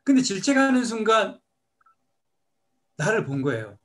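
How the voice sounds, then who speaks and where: A man's voice: sits high, big pitch swings, moderate pace, a bit bright. A middle-aged man who teaches meditation, answering a question by reflectively telling a personal story and acting out how he scolds himself.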